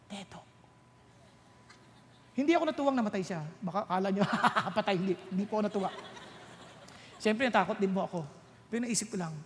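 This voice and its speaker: A man with a high voice preaches in a church hall, and his words ring out with a long reverb. He tells his stories with energy and acts out the voices of the people in them. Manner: lively storytelling, code-switching, acting out voices. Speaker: pastor. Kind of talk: sermon.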